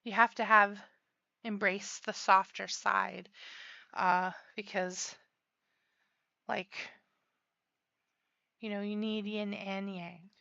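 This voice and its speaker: A chatty woman talks through a tarot reading in a relaxed, rambling way. Her voice is bright and smooth, with an unhurried pace. The recording is dry and a little dull in its highs, as if made in a small quiet room. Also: dry recording. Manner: chatty, rambling, laughs often. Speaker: tarot reader.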